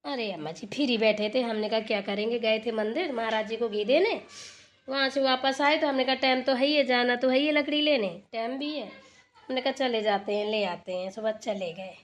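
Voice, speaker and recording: A woman's voice: fairly high pitch, moderate pace, close to an everyday voice. A woman voicing a middle-aged village mother-in-law in a cartoon, rambling as she explains herself. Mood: defensive. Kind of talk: cartoon voice acting.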